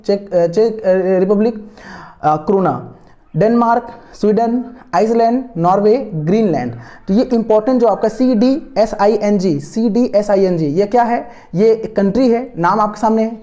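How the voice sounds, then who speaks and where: A man's voice: high voice, warm tone. A man teaching an online exam-prep lesson from slides, repeating key words often, full of hesitant fillers and coaxing his students to understand. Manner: coaxing and encouraging toward students. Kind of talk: online lesson explaining memory tricks from slides.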